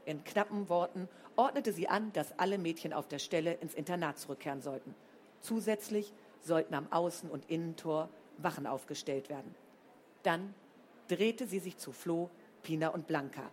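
A woman's voice: on the low side, normal speed, a little mellow, a little hiss or hum. Woman reading a children's storybook aloud. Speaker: audiobook reader.

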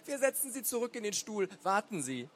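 A man's voice: high voice, sing-song, brisk, voice pushed up. A man voicing a worried, scolding wife in a storybook reading, in a raised voice. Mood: reproachful.

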